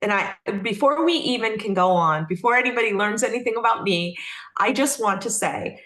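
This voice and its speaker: With lively intonation and a slightly quick pace, a middle-aged woman from Texas, United States, shares stories as an interview guest. She founded a company and talks effusively and earnestly in a relaxed, chatty style. Her mid-range voice is fairly bright, and the recording echoes.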